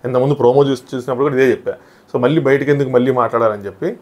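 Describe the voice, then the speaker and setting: A man talks quickly at a mid-range pitch, running through a reality show episode as a reviewer. He keeps retelling scenes and slipping into short quotes of what others said. The delivery is casual and brisk. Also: muffled recording. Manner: animated retelling of events, often quoting others.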